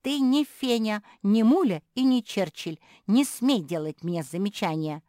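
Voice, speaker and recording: Woman doing a shrill, cheeky little pug girl. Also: measured pace, dark tone, no room sound, studio quality, natural voice. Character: feisty youngest pug sister, girl.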